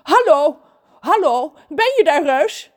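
Woman doing a chattering, excitable mermaid. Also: sits high, slow pace, voice pushed up. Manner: rattling on breathlessly. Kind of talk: storybook character voice.

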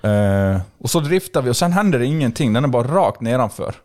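A young man telling a story in a casual podcast chat, animated and full of fillers and restarts. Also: medium pitch. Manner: animated, acts out dialogue, lots of fillers and restarts. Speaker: podcast guest.

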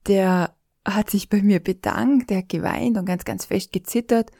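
A woman's voice: medium pitch, moderate pace, vocal fry, mellow, no room sound, studio quality. A middle-aged woman with an Austrian accent, telling an emotional personal account in an intimate voice that often sinks to a whisper. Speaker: storyteller.

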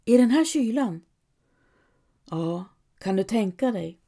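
A woman narrating a story in the first person, in a measured, intimate storytelling manner. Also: medium pitch, expressive, mellow. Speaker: audiobook narrator.

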